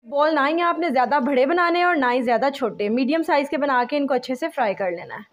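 A woman calmly talking through a home cooking recipe step by step, as a voice-over. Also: high voice, fast talker. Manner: calm step-by-step instructions mixing English words. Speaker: home cooking channel host.

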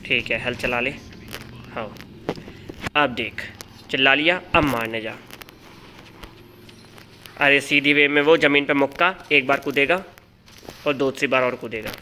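A man giving excited live commentary as he calls out a boss's moves and talks to his character. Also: medium pitch, unhurried, pauses often, background noise. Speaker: gaming channel host.

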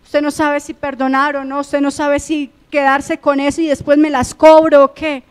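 Colombian woman pastor, high voice, impassioned sermon, loud-to-hushed swings. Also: flat delivery, normal speed, in a large hall. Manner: impassioned, swinging between loud emphatic phrases and hushed ones.

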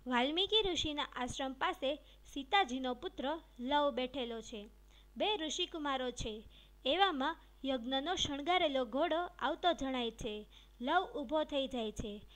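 A woman's voice: high voice, animated, unhurried, a bit bright. A woman teacher reading a storybook aloud to young pupils, adding light expression to the dialogue. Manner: addresses young pupils directly. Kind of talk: storybook read-aloud for children.

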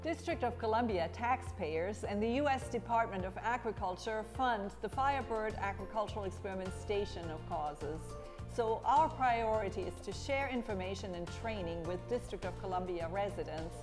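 Woman narrating over music, roomy. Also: medium pitch. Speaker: dean and show host. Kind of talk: scripted narration and interview questions.

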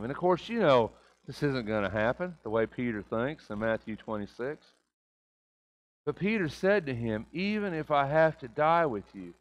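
A man's voice: medium pitch, dull audio. Older man, preacher, conversational sermon, rhetorical questions, church sanctuary.

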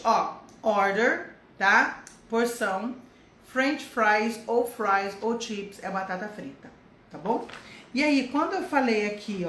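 A middle-aged woman from Brazil runs a casual live English lesson, chatting with viewers by name and stretching out each English phrase. Her voice sits at an ordinary pitch and rings in a roomy space, with a faint hum of ambience behind her. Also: a bit bright. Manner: slows down and stresses English phrases. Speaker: English teacher.

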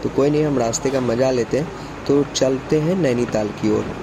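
Male travel vlogger, mid-range voice, narrating from a bus on a mountain road, clear rumble of traffic underneath. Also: normal speed. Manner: chatty, enthusiastic about scenery, addresses viewers. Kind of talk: casual travel vlog narration. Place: inside a moving bus on a foggy mountain road. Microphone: handheld camera by the bus window. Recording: clear vehicle noise behind. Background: bus engine and road noise.

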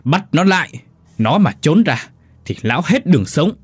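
A man's voice: mid-range voice, very animated, normal speed, husky, no room sound. A man voicing a furious, violent older woman who screams insults in a dramatic audiobook telling.

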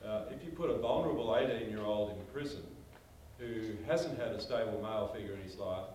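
On a panel in a small meeting room, an older Australian man tells stories with emphasis, gesturing as he speaks. His voice sits on the low side, fairly quick and darkish in tone. The audio comes from a distance in an echoey room, with a little hiss or hum.

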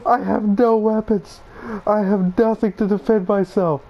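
A woman's voice: medium pitch, steady tone, a little slow, lo-fi sound. Woman gamer swearing and shrieking in panic. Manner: screaming, swearing, laughing through fear. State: tearful from screaming. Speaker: gamer streaming with a friend. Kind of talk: panicked co-op gameplay chat.

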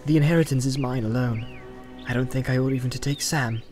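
A man voicing an earnest, troubled young male hobbit in an audiobook, speaking in a thoughtful, measured and gently firm way. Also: medium pitch, steady tone, soft background music, lightly acted. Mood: grave, earnest. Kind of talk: audiobook character voice.

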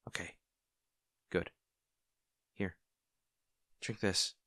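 Speaking very slowly, this man is recorded at studio quality with no echo. He acts the part of a caring young male barista with a shy crush in an intimate comfort roleplay, his natural, conversational delivery soft-hearted and reassuring, if slightly hesitant.

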